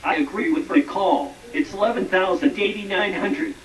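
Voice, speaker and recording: Synthetic male voice as a high-pitched sidekick schoolboy. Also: normal speed, close to an everyday voice. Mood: agreeable. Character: tag-along schoolboy sidekick, agreeable. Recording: echoey, distant, with TV music behind.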